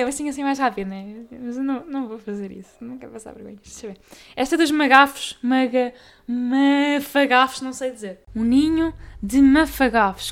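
A young woman with a European Portuguese accent hosts a casual solo podcast, talking fast and stumbling over tongue twisters. Her voice sits high.

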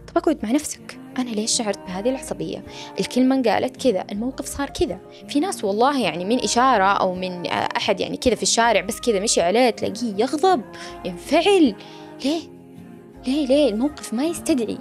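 A woman giving a motivational self-help talk, animated and fond of rhetorical questions she answers herself. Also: fairly high pitch.

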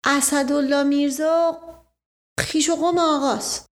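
Woman playing a flustered old storybook servant, rambling and evasive, pitched up high, hedging every answer. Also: fairly even intonation, natural voice. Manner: rambling, hedging with stock phrases.

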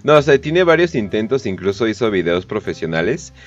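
A Mexican man hosts a comedic news podcast, his voice swinging up and down in pitch as he riffs through stories with crude slang and constant fillers. The audio is dull and lo-fi, with faint music beneath. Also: very animated, a little fast. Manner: slangy, joking, profane, lots of fillers. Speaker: podcast host. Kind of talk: casual comedic news commentary.

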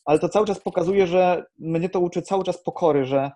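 A man who teaches improv, talking in a casual podcast chat, animated, swearing now and then and restarting his sentences. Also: high voice, fairly quick.

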